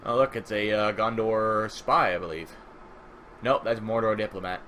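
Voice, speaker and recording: A sleepy man giving casual let's-play commentary on a strategy game, rambling and thinking aloud. His voice sits fairly low. Faint noise runs underneath. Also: fairly even intonation, normal speed, bright, forceful tone. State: sleepy, just woke up. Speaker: gaming channel host.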